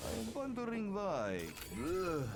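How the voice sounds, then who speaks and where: A man's voice: sits high, very animated, a little slow, creaky, heavily acted. An actor playing a grumbling male moon miner in a video game, complaining in broken grammar with a mock Russian accent.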